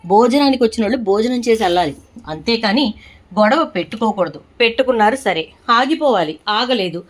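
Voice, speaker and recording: Stern shouting patriarch, as a woman reads him. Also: on the high side, expressive, brisk. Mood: angry. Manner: scolding, shouting. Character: stern angry middle-aged family patriarch.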